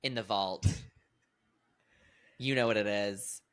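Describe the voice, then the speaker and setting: A young man in his twenties co-hosting a podcast, chatting casually in an animated, expressive way and laughing often. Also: lowish voice, slow pace, clean tone. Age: 20s. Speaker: podcast co-host. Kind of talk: casual chat.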